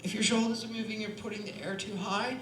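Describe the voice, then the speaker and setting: A woman who sings and teaches voice speaks on a panel in a performance hall, demonstrating breathing in a chatty way and often asking "right?". She talks fast in a mid-range voice, and the hall is echoey with steady noise.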